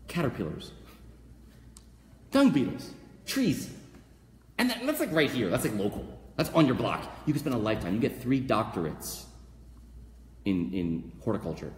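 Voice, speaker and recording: Animated man in an echoey room. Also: mid-range voice. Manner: animated, gesturing, jumps into loud acted voices. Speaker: rabbi teaching a weekly class. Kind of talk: animated Torah class. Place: small room before a banner backdrop, live class. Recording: echoey room with long reverb.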